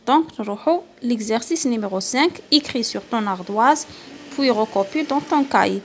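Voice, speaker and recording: A woman's voice: on the high side, expressive, slight background noise. Woman teaching French to children. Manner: slow, drawn-out French words for children to repeat, quick Arabic explanations. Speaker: primary school French teacher. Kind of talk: textbook lesson explanation.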